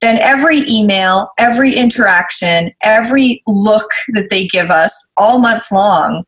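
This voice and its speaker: A woman's voice: mid-range voice, normal speed, fairly bright tone, poor audio. A woman guest in an interview, explaining conflict at work in an articulate, conversational way and acting out quoted emails.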